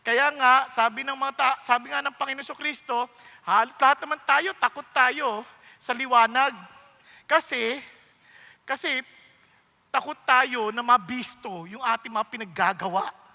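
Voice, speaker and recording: A man preaching a sermon in a church hall, animated and playful, telling stories and joking asides. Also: very high voice, a little slow, gravelly, pauses often. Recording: long reverb of a large hall.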